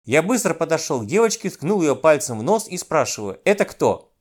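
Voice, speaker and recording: A man reading a children's story aloud with lively, exasperated comic storytelling. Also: a little high, brisk.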